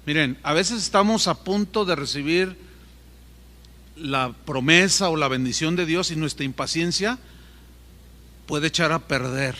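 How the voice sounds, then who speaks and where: A pastor preaching in a church hall, telling a story with lively asides to his listeners. His voice is high and bright. A long hall reverb trails behind his words. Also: a little slow, long pauses. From Mexico. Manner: animated storytelling, asides to the congregation. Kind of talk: sermon.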